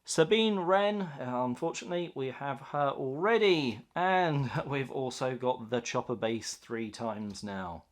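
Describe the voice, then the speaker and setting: A man's voice: medium pitch, lively intonation, measured pace, hardly any pauses. Enthusiastic, chatty man opening card packs. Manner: enthusiastic, chatty, reacting aloud. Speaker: host of a card pack opening video. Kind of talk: casual unboxing commentary.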